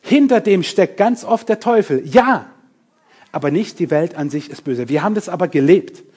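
A middle-aged man preaching a sermon, emphatic and lively, talking straight to his congregation with self-mocking asides. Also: high voice, moderate pace, husky.

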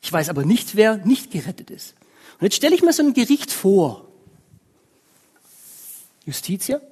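A woman preaches in a husky, slightly breathy voice at an ordinary pitch. She talks conversationally, often tossing questions back at her listeners. Her voice carries a long hall reverb. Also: very animated, moderate pace, mellow. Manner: conversational, frequent tag questions. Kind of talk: sermon.

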